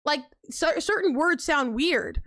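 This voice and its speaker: A young woman with a bright, high voice and a slight Texan accent talks straight to her livestream chat in a worked-up, animated rant. She sounds dry and close, with no room echo. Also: slow pace. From United States.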